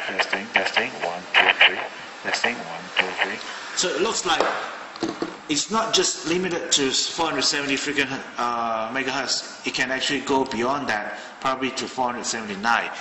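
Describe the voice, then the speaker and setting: A hobbyist radio reviewer from Malaysia demonstrates a radio at his desk indoors, thinking aloud with many fillers in a casual, hands-on way. His voice is mid-range at normal speed, recorded with a long reverb tail and background noise.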